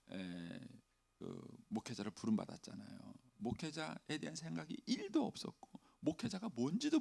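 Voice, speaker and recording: Middle-aged pastor guy preaching early morning, gravelly voice, swings high and low a lot. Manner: animated, acts out pleading prayers in a raised voice, drops to soft near-whispers. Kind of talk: dawn service sermon.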